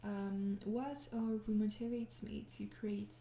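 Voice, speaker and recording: Speaking slowly in a creaky, mid-range voice with a level tone, this young French ASMR creator fields fan questions in a quiet, relaxed Q&A. Weary and apologetic, she hesitates, laughs gently and often, and lapses into whispers against a roomy backdrop with slight noise.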